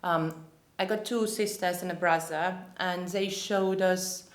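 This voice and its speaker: A woman from Latvia in her thirties, answering interview questions and pausing often to search for words. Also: on the low side, fairly even intonation. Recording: echoey room.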